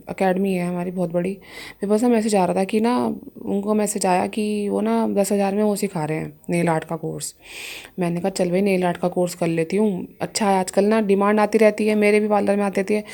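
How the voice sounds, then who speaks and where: A woman's voice: medium pitch, fairly even intonation, fairly quick, warm tone. A young woman giving an emotional personal testimony to a congregation, addressing listeners often as she tells her story. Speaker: devotee sharing a testimony.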